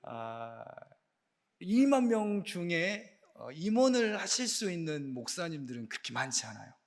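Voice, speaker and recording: Playful, chatty Korean man preaching. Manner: chatty and playful, asks the congregation questions; lively swings in pitch and loudness for emphasis. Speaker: associate pastor. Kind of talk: casual sermon at a Friday night prayer meeting. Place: church sanctuary.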